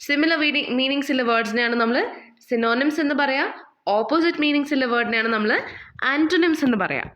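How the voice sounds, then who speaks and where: A woman with a high voice teaches English vocabulary with a Malayali accent. She moves between Malayalam and English, asks her own questions and answers them herself, and reads the English passages slowly and carefully. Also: a bit bright. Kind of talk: recorded online English lesson.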